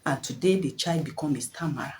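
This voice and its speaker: An earnest woman talks parents through her advice, repeating key phrases and posing rhetorical questions. Her voice sits a little low. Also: fast, low-quality recording. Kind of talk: preachy advice talk to camera.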